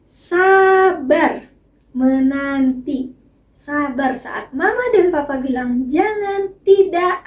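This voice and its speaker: Woman teaching Sunday school, high and unhurried, in an echoey church room, mic far off. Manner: slow, gentle and sing-song, asks the children questions. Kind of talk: Bible story for toddlers.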